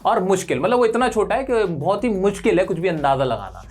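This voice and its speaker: A woman's voice: medium pitch, very animated, a little fast, darkish tone, slightly rough. A woman teaching English pronunciation, quizzing the viewer on each word and then correcting the answer firmly. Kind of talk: pronunciation lesson.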